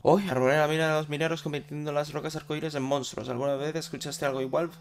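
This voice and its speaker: A man's voice: a little high, soft background music, pitched above the performer's own voice, close to an everyday voice. Moura, a cursed woman freed, read by a man. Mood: grateful. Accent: Spain Spanish with a clumsy attempt at Galician. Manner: slow, flat game-dialogue reading with Galician words. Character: grateful young woman freed from monster curse.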